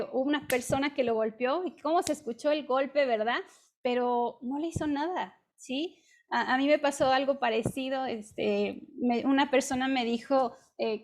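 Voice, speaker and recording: A woman with a Mexican accent preaching to a women's group in a conversational way, often checking in with her listeners. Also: high-pitched. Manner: conversational, with frequent "¿sí?" check-ins and "este" fillers. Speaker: women's ministry speaker. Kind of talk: devotional preaching.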